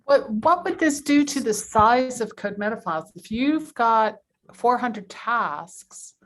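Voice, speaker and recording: A woman's voice: on the high side, animated, unhurried, a bit bright, slight background noise, poor audio. A woman in a video meeting, thoughtfully raising questions and wondering aloud. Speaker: meeting participant.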